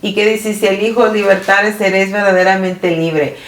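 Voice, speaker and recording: A woman's voice: mid-range voice, fairly even intonation, normal speed. A woman co-hosting a podcast in a casual faith chat, often tagging her sentences with a questioning "¿verdad?". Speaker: podcast co-host. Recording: echoey room.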